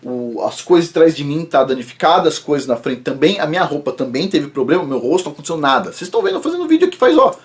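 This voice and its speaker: A man with a Brazilian accent giving a personal religious testimony in an animated way, often checking in with the listener. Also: fairly high pitch, rapid-fire, hardly any pauses. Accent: Brazilian Portuguese. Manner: animated, often adds checking tags like "right?". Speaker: channel host telling a personal story.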